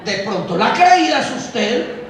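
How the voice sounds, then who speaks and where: High-voiced preacher echoing from afar. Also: male voice, very animated, takes it slowly, fairly bright tone. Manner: playful, mimics excuses of young people in an exaggerated tone. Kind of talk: lively sermon to a congregation. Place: church hall. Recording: very echoey hall, voice from far off, faint noise.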